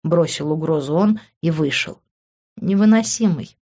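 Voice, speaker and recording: A woman narrating a first-person audiobook in an even, measured way. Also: on the low side, lo-fi sound.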